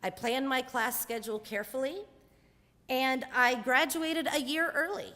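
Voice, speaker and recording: A woman's voice: high voice, fairly even intonation, moderate pace, pushed and bright, long reverb tail. A woman in her forties telling a candid, wryly humorous personal story on stage.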